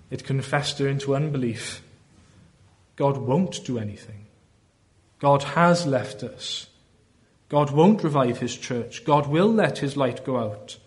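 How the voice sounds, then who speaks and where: A man with a Welsh Valleys accent preaching a sermon in an earnest, deliberate way, often posing rhetorical questions. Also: fairly high pitch. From South Wales valleys.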